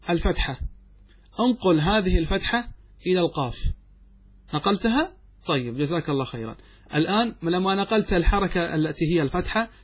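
Husky guy lecturing on grammar, voice sits kinda high, keeps asking the class stuff then answering himself. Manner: explains step by step, asking students questions and answering them himself; reads quotations from the text slowly and deliberately. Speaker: sheikh teaching Arabic grammar.

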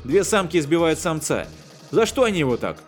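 A man reading an audiobook, voicing an excitable male space hunter who keeps exclaiming. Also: a little high, fairly quick, soft background music, pitched above the performer's own voice. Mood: excited.

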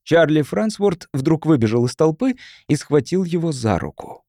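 A man giving an expressive, dramatic audiobook narration. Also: fairly high pitch, normal speed, no room sound, studio quality.

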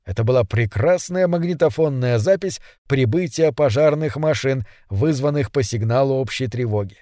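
A man narrating a story with an even, measured reading. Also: mid-range voice, no echo, clean studio sound.

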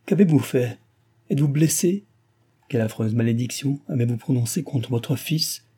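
A man reading an audiobook who voices a desperate, passionate young gentleman speaking with impassioned urgency. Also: medium pitch, moderate pace, breathy edge, close to an everyday voice. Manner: impassioned, pleading.

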